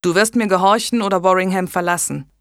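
A woman reading an audiobook, voicing a stern, angry medieval lord with a gruff, commanding manner. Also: lowish voice, steady tone, quick pace, no echo, clean studio sound, natural voice.

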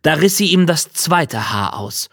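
A man narrating a fairy tale in a calm, even storytelling manner. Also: fairly high pitch, measured pace, dry recording, studio quality.

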